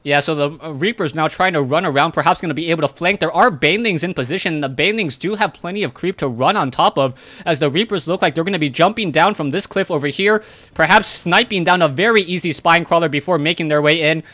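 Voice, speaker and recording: A man with a high, bright, sharp voice calls play-by-play for a strategy game. He narrates every unit move briskly, and his voice lifts with excitement when the fighting starts. It is a crisp, fast-reacting caster delivery. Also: no room sound. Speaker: esports caster. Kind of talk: play-by-play commentary.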